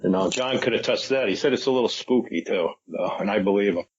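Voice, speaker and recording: Husky, tentative male podcast guest. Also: on the low side, quick pace. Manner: tentative, speculative, many hesitations. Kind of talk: casual podcast interview. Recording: dull lo-fi remote audio.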